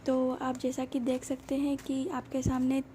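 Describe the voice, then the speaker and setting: A woman's voice: sits high, monotone, unhurried, slight background noise. A woman doing a casual, chatty tarot reading straight to her viewers, reassuring and loose with filler sounds. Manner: voice comes out somewhat quiet. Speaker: tarot reader.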